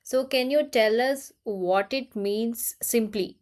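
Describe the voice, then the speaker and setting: A woman's voice: a little high, takes it slowly, darkish tone. A woman hosting a casual interview, asking polite, earnest questions. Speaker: host.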